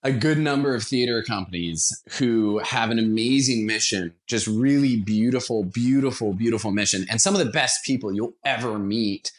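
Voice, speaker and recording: This American man, a theater company founder from Washington, D.C., answers interview questions as a guest in an earnest, conversational way. His voice sits in the mid range, moving at a moderate pace with hardly any pauses, and he repeats words for emphasis.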